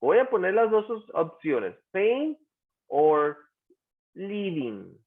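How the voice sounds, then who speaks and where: A man's voice: high-pitched, big pitch swings, slow. A male teacher taking an online class through grammar examples, patiently asking questions and repeating the answers. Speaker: English teacher. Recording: tinny phone-like call audio.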